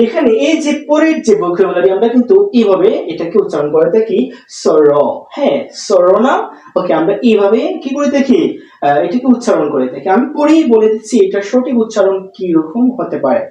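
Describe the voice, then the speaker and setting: A teacher giving a spoken English lesson, explaining slowly and repeating words, recorded from a distance. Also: medium pitch, sing-song, warm tone. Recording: echoey room, far from mic.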